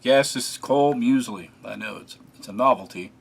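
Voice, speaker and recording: A man casually narrating a food taste test, relaxed and chatty, often pausing with fillers as he eats. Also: mid-range voice, creaky, slightly rough. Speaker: food reviewer.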